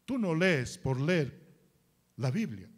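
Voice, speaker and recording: Male pastor, Peruvian Spanish accent, high voice, unhurried emphatic preaching with rhetorical questions. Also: very animated, slightly rough. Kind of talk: sermon.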